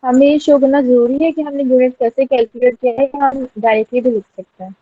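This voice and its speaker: A young woman student asking her teacher halting questions over an online class, her call audio breaking up and glitching. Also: sits high, steady tone. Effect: call audio breaking up, glitchy and cutting out. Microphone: video call. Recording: tinny online call line from far off.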